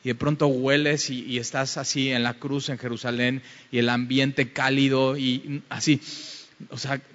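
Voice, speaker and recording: A man preaching a fervent sermon that rises to loud, emphatic passages. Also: medium pitch, level tone, a little slow. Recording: dull, reverberant hall sound.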